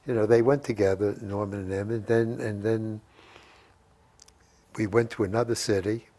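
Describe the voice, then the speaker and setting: A man in his 80s, a WWII veteran, shares anecdotal memories in an interview at home, wandering through stories, repeating phrases, and quoting remembered dialogue. Recorded on a lapel mic in the living room, his fairly low, dark voice holds a steady tone at a moderate pace.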